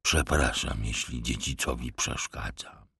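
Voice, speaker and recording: A man voicing a sly, menacing old vagabond in an audiobook, speaking in a low, ironic, threatening drawl. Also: measured pace, creaky, sharp tone, husky, no echo, clean studio sound, heavily acted. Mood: mocking. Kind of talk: audiobook character voice.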